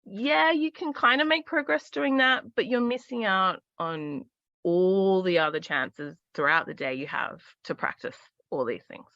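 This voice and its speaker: A woman's voice: mid-range voice, measured pace, pushed and bright, dry recording, dull audio. A woman dog trainer explaining things in a casual chat, confident and often checking in with "right?".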